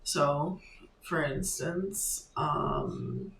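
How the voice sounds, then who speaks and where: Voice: mid-range voice, huge pitch swings, a bit bright, soft background music. An online creator coaching viewers through a website setup in a casual screen-share tutorial, talking loosely and thinking aloud. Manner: loose and halting, thinking aloud while clicking through steps. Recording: echoey room with faint ambience.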